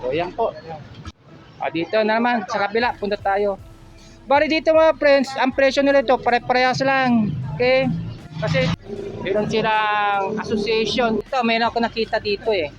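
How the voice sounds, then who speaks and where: A man's voice: very high-pitched, normal speed, highs cut off, over music. A man with a Filipino accent vlogging casually at outdoor stalls, asking vendors for prices and talking to his viewers as friends. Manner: chatty, asks prices, addresses viewers as friends. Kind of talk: casual walk-through vlog.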